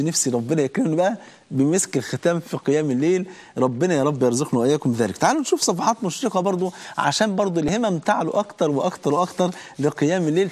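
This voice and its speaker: A man preaching in an Egyptian Arabic accent, his voice pitched fairly high. He talks fast and with emphasis, often putting rhetorical questions to his listeners. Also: slightly rough. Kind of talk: sermon.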